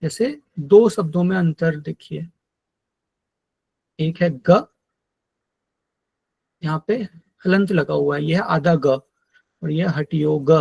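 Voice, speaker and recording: A man teaching a yoga text in an online class, explaining slowly and patiently and drilling Sanskrit pronunciation. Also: a little high, gravelly, a little mellow, breathy edge, dry recording. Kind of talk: online lecture.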